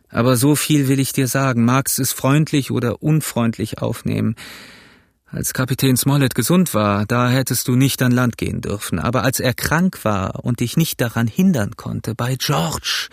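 A man's voice: medium pitch, vocal fry, no echo, studio quality. A man reading the part of a stern but kindly ship's doctor in an audiobook, talking in an earnest, urgent, fatherly way.

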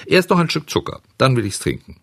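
A man voicing a stubborn, whiny puppet boy in a storybook reading, whining and pleading in a high, excited voice. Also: brisk, husky, no room sound, studio quality, exaggerated voice.

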